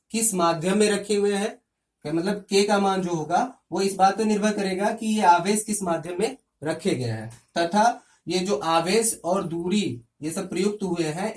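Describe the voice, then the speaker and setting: A man teaching a physics lesson step by step, often pausing to check in with his students. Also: high-pitched, recorded from a distance. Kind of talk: classroom lecture.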